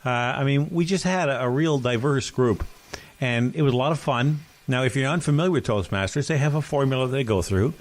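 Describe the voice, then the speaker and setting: This middle-aged man co-hosts a podcast, spinning rambling, self-correcting stories full of restarts with an occasional cough in a casual chat. His mid-range voice moves a little fast.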